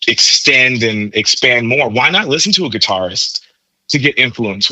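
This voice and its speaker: A trumpet-playing man, appearing as a guest on a podcast interview, explains jazz tone and technique like a teacher, repeating words for emphasis. His medium-pitched voice has a sharp tone, and the low-quality recording carries no room sound.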